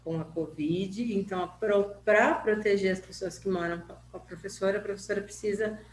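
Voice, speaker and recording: Masked Brazilian teacher, patient and slow. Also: female voice, mid-range voice. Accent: Brazilian Portuguese. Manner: slow, patient, with many "né?" and "tá?" checks. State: ill with covid, wearing a face mask. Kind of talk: recorded remote lesson for children. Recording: echoey room with faint hum.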